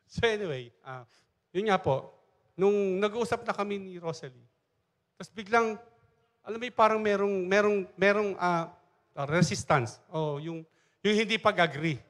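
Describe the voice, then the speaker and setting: A man's voice: high voice, normal speed, long pauses, a bit bright. A middle-aged man, a pastor, giving a chatty sermon full of personal stories, acting out the lines of the people in them. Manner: chatty storytelling, acts out dialogue, many fillers and restarts. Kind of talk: conversational sermon with anecdotes. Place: church service.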